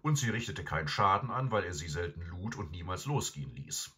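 Deep, husky storybook narrator, man. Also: fairly quick. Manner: expressive, dramatic. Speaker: audiobook narrator.

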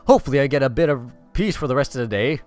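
A man's voice: medium pitch, animated, rapid-fire, a little mellow. Guy doing a lets play, reads the story out and snarks at it, voice bounces all over, little music behind. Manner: sarcastic, swears and laughs at the story. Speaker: let's play host. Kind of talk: casual game commentary, reading game text aloud.

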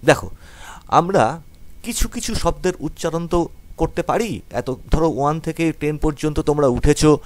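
A man from West Bengal tutoring exam students, patiently spelling out words letter by letter and reading English lines slowly. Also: fairly high pitch. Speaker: teacher.

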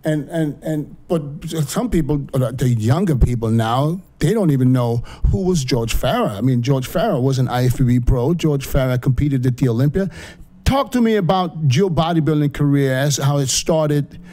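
A man's voice: mid-range voice, lively intonation, normal speed, warm tone. A middle-aged man hosting a podcast in a studio, asking eager, repetitive questions in casual chat on a studio mic. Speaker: podcast host. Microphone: studio mic with headphones.

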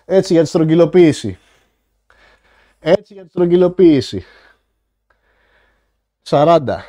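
A male livestreamer with a somewhat high voice, chatting casually with his viewers. He is out of breath and bursts into excited thanks for donations.

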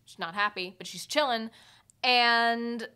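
A woman's voice: fairly high pitch, measured pace, sharp tone, clear, resonant tone. A woman, chatting casually and wryly as a podcast co-host into a close microphone. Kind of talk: casual chat, TV show recap. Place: small indoor podcast set with bookshelves. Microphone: desk microphone on a stand, close.

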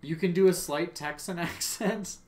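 A man's voice: high voice, moderate pace, a little mellow. Profane, joking male game streamer. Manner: profane, joking, chats with viewers. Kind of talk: live gameplay commentary.

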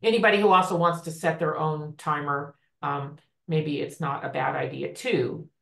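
A woman's voice: sits low, fairly even intonation, moderate pace, vocal fry, fairly bright tone. A woman co-organizing an online meeting, explaining the timing plainly with some fillers. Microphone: video call. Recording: roomy echo on call audio.

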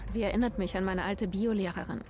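An actress playing a skeptical, sardonic young heroine in a video game, guarded and wry. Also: female voice, medium pitch, steady tone, fast talker, darkish tone, slight background noise, lightly acted. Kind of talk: dubbed video game dialogue.

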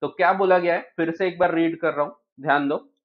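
A man giving an exam-prep law lecture, reading English legal text slowly and then explaining it in Hindi. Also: a little high, steady tone, dull audio. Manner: asks the class questions, then answers them. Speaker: law teacher.

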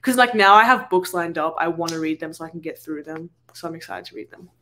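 This podcast co-host is a young Australian woman whose voice sits low, with a slightly bright tone and a quick pace. She chats casually and meanders, restarting sentences and using plenty of filler words.

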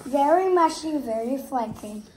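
A woman's voice: sits high, expressive, unhurried. A child co-host tasting snacks with her dad, nervous and hesitant about trying new foods. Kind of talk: casual snack review chat. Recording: background noise with wrapper crinkling.

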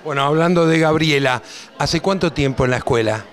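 A man's voice: a little high, a little fast. A middle-aged man with an Argentine accent hosting a local TV interview, prompting guests with friendly questions into a handheld mic. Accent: Argentine Spanish.

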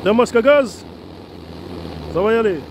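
Tired, high-voiced man rambling outdoors. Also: animated, normal speed, a little hiss or hum. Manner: rambling, chatty, talks to himself and his animals. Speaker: vlogger doing garden DIY. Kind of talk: casual self-narrated vlog. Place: outdoors in a garden. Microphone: head-mounted camera.

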